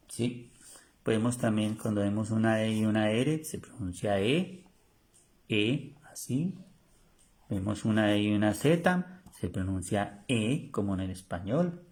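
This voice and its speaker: A man teaching an online French class, slowly repeating each sound and word for his students to memorize. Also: on the low side, a little mellow. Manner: slow, repetitive drilling of pronunciations.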